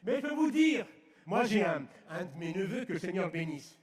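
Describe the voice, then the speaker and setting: A man from France gives an emphatic, story-filled sermon outdoors, his voice sitting fairly high and often swelling to a shout. He mixes humour into the preaching. The sound carries a strong echo from the public-address setup. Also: very animated, moderate pace. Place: outdoors in woods at a festival.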